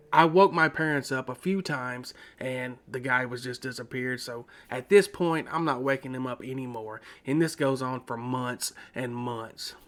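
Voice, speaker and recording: A man's voice: medium pitch, a bit bright. A man earnestly retelling a frightening paranormal experience from his teenage years, dramatic and full of repetitions. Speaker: storyteller. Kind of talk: first-person paranormal story narration.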